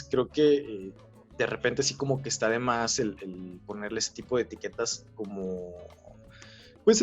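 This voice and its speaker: A young man with a Mexican accent co-hosting a podcast, rambling in slangy casual chat with many fillers. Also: fairly low pitch. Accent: Mexican Spanish. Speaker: podcast co-host. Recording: slightly dull sound with faint music.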